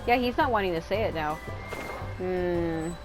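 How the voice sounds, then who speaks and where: A woman who makes gaming videos gives casual, informal commentary as she plays, swearing freely. Her voice is lowish and unhurried, and the rough recording has game music behind it.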